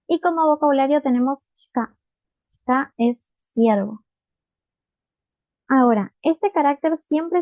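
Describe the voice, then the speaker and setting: Woman teacher, patient, step-by-step, slightly high voice, dry phone-like sound. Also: no room sound. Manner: patient, checks in with students often. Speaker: Japanese teacher. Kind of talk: online writing lesson.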